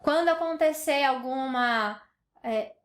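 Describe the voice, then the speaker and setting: A woman's voice: high-pitched, takes it slowly. A woman doctor with a Brazilian Portuguese accent explaining a topic in an educational talk, with many fillers and restarts. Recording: echoey room.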